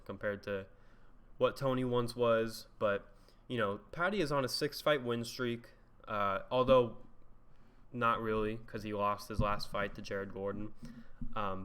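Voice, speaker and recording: A man talks through his picks in a loose, casual commentary monologue. His voice is bright and forward, and his talk is chatty, full of laughs and freely dropped swearing. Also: fairly low pitch, smooth. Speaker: MMA commentary YouTuber.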